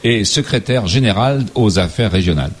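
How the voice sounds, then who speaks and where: A man's voice: on the low side, lively intonation, normal speed, slight background noise. A man with a Parisian French accent chatting casually and satirically about the news as a host, wry and irreverent.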